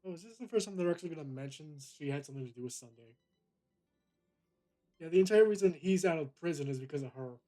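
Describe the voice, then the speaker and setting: A man's voice: on the high side, expressive, fast, mellow. A man streaming a game from home, joking and bluntly cursing as he comments. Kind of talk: casual gameplay commentary.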